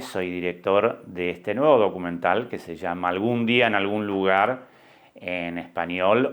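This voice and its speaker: A man in his sixties with an Argentine accent, hosting a podcast and telling his own story in a reflective way, with many pauses and hesitations. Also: lowish voice. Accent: Argentine Spanish. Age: 60s. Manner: slow, reflective, with frequent hesitations. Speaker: podcast host and documentary director. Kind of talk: personal podcast monologue.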